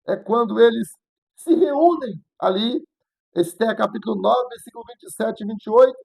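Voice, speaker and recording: A Brazilian woman teaches a Sunday school Bible lesson, recounting the story in an animated way and often repeating her phrases. Her voice is gravelly and husky, with a dark, mellow tone that sits a little high. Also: poor audio. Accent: Brazilian Portuguese.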